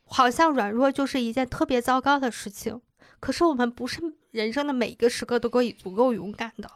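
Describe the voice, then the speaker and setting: Bright-voiced woman telling lively stories. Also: on the high side, a little fast, no room sound, studio quality. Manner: lively storytelling, acting out quoted lines. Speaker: podcast co-host. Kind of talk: casual chat.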